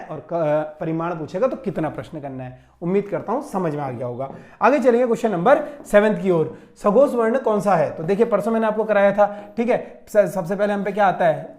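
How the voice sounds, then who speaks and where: A man with a high, light voice explains a mock exam the way a coaching teacher does. He goes over each answer more than once and draws key words out slowly. He keeps checking in with the class as he moves on. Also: a little mellow. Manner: repetitive, checks with frequent "theek hai", stretches key terms slowly. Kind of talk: Hindi grammar lesson solving a mock test.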